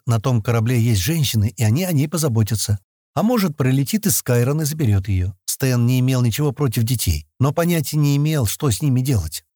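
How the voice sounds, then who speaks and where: Guy narrating an audiobook, husky mellow voice, lots of lilt, dry close mic. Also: mid-range voice, no echo. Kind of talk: scripted narration.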